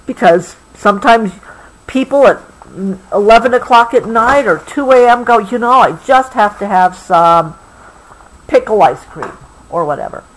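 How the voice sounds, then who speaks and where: Her voice on the high side, an American woman reads a picture book to a child with lots of expression, pausing patiently for casual explanations. The recording is rough.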